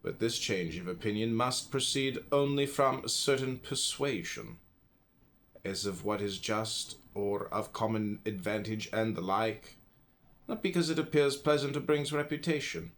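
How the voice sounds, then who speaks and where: An American man with a lowish voice narrates an audiobook, reading a philosophical text in a measured, deliberate way, phrase by phrase with pauses between.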